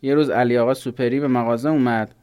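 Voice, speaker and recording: A man's voice: mid-range voice, steady tone, darkish tone, smooth, no echo, pitched above the performer's own voice, natural voice. A man doing an earnest teenage boy. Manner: earnest, a bit defiant.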